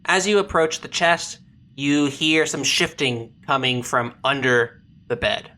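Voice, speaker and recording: Bright-voiced tabletop game master. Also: medium pitch. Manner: describes scenes in plain detail, pausing to search for words. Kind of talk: narrating a comedic tabletop game.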